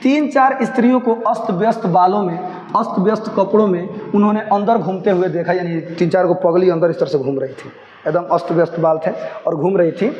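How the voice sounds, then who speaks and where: A man's voice: high-pitched, fairly quick, a little mellow. Man explaining a story, echoey room. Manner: reads a line, then re-explains it in simple words with local dialect asides; keeps calling students to listen closely. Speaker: teacher. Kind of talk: line-by-line story explanation for students. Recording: echoey room, dull lo-fi sound, faint noise.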